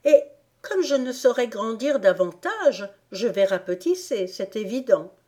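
A sharp-tongued little girl, as a woman reader puts her on, pitched well above the reader's own voice and swinging up into cries of warning. She speaks slowly and with weight, in a darker, mellow tone. The storybook girl sounds curious but quick to anger. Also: animated. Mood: musing. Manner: raised, higher voice when shouting threats. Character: curious young girl, bold and indignant.

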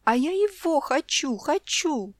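A woman's voice: high-pitched, big pitch swings, unhurried, dry recording, studio quality, voice pushed up. A woman voicing a spoiled six-year-old girl who whines and wails in a storybook reading. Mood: tantrum. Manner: whiny, wailing pleas.

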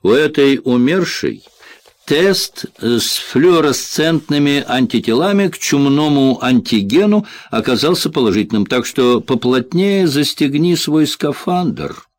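A man voicing a brisk, wry male pathologist in an audiobook thriller. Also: mid-range voice, animated, dry recording, pitched above the performer's own voice, natural voice.

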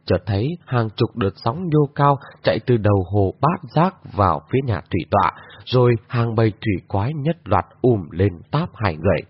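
A man narrating a martial-arts fantasy story in a dramatic, expressive reading. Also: fairly low pitch, normal speed, husky. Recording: dull lo-fi recording.

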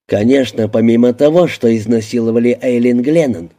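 A man's voice: mid-range voice, fairly quick, natural voice. A man voicing a hard, threatening police detective who questions bluntly. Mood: menacing. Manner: blunt, menacing, shouting at times. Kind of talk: audiobook character voicing.

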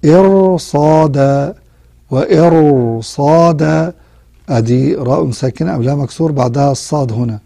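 A man teaching a Quran recitation lesson, explaining rules step by step and drawing out example words slowly. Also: mid-range voice, gravelly, mellow, breathy edge, dry recording. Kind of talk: tajweed lesson.

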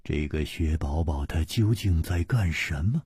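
A man narrating a martial arts tale in the traditional storytelling style, dramatic, with sudden hushes, recorded close to the mic. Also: lively intonation, slightly rough, no room sound. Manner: dramatic, slow, with sweeping pitch and sudden hushes.

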